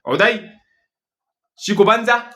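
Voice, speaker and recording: A man with an Egyptian accent giving a joking, sarcastic football match recap in fast, exasperated rants. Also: high-pitched, bright, forceful tone. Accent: Egyptian Arabic. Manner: joking, mocking, rapid rants with exasperated asides. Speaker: football fan commentator.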